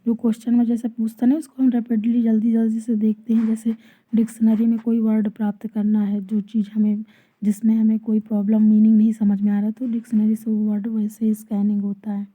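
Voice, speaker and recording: A woman teaching an exam-prep lesson, asking questions and answering them herself, and reading out English definitions slowly. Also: a little high, completely flat delivery, dark tone. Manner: explains by asking and answering her own questions. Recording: tinny phone-like audio.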